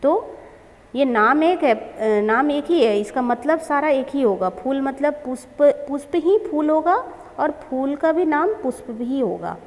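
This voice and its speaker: A woman teaches a children's lesson in a slow, unhurried way, going through word after word and repeating them. Her voice sits a little high. A long reverb trails behind her. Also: lively intonation.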